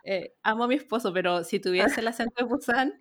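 A woman hosting a relaxed group chat, laughing often as she talks. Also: on the high side, normal speed. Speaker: host. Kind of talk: casual panel chat.

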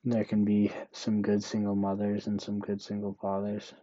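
A young man hosting a solo podcast, thinking aloud slowly in a monotone way. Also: fairly low pitch, dry recording, lo-fi sound. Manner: slow, monotone, musing. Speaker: podcast host.

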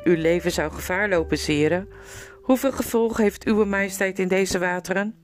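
A woman's voice: medium pitch, moderate pace, faint music behind, natural voice. A woman reading aloud, voicing a grave middle-aged male noble lord who speaks in an earnest, courtly way. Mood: cautious.

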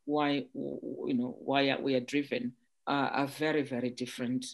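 A woman from Zimbabwe, an entrepreneur guest in an interview, who talks haltingly with many restarts and "um"s. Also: rumbling low, level tone, vocal fry. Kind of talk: casual interview chat.

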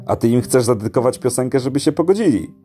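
A man voicing a brash, cheerful male late-night radio DJ with booming, preachy, folksy patter. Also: expressive, quick pace, mellow, soft background music, lightly acted. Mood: jovial.

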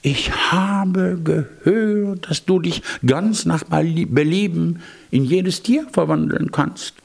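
Grandfather putting on a high sly tomcat. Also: vocal fry, full character voice. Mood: flattering. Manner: high, drawn-out wheedling voice. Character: cunning flattering tomcat in boots.

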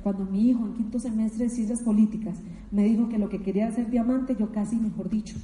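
A middle-aged motivational speaker from Colombia gives an emotional, emphatic talk, telling her story with many repetitions. Her voice is fairly high and warm, quick-paced with fairly even intonation, in an echoey hall with long reverb.

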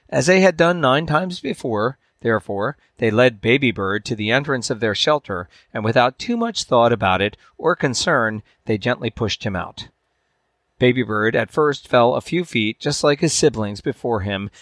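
A man hosting a podcast, reading a fable aloud in a measured storytelling way, with dramatic swings in pitch and loudness. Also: no echo, clean studio sound. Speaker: podcast host.

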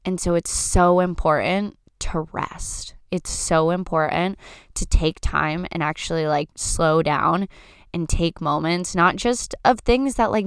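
A woman's voice: fairly low pitch, clear, resonant tone, dry recording, studio quality. A woman hosting a solo podcast, talking casually and chattily with frequent "like" fillers. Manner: chatty, fills talk with "like". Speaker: podcast host.

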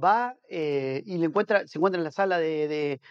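A man's voice: fairly high pitch, highs cut off. A man, a pastor and missionary, telling stories as a guest in a casual interview, restarting and repeating words as he goes. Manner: rapid, animated storytelling with many restarts and repeated words.

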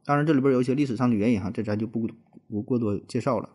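A man's voice: mid-range voice, rapid-fire, a little mellow, husky. A man giving a chatty, folksy explanation, tacking little particles onto his phrases. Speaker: presenter explaining languages. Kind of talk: casual explanatory monologue.

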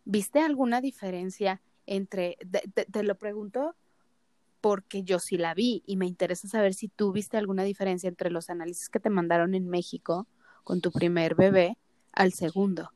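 A woman's voice: mid-range voice, fairly even intonation, normal speed, darkish tone, no room sound. A woman from Mexicali co-hosting a podcast, asking her friend questions in a supportive, casual way. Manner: supportive listener, frequent affirming interjections. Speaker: podcast co-host. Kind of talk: casual chat.

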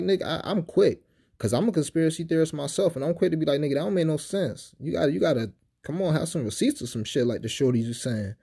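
Husky-voiced sarcastic podcast host. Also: male voice, medium pitch. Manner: sarcastic, animated, conversational with slang and frequent "you know what I'm saying". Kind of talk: casual podcast monologue.

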